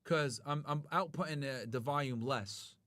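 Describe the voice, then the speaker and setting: A man's voice: mid-range voice, moderate pace, a bit bright, no echo, studio quality. A man on a voice call whose audio peaks and jumps in level because it runs through a mixing board, checking his settings aloud. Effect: overdriven, peaking audio with uneven gain from a mixing board. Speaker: guest, former federal agent. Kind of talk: casual voice call. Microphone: computer mic through a mixing board on a voice call.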